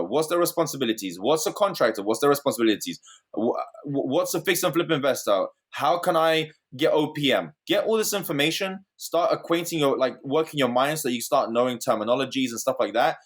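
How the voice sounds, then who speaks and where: A man from the United Kingdom, a guest on a podcast, giving earnest advice in a casual interview with small restarts. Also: a little high.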